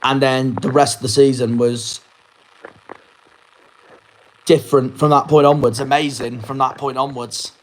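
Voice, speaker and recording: A man's voice: mid-range voice, flat delivery, unhurried, long pauses, poor audio. A young man from the Plymouth area, ranting angrily and swearing through a post-match fan reaction video. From Plymouth area, England. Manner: angry, swearing, fuming rant. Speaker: football fan vlogger.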